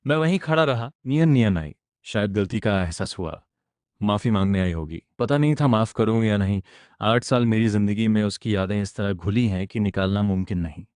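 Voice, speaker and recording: Low-voiced man narrating a story recap. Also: moderate pace, darkish tone, dry recording, clean studio sound. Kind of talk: first-person story narration.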